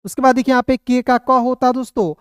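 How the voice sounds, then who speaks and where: Patient, smooth-voiced male teacher. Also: very high voice, fairly even intonation, quick pace, dry recording, clean studio sound. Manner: patient, repeats questions and answers to viewers. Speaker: English teacher. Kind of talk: online phonics lesson.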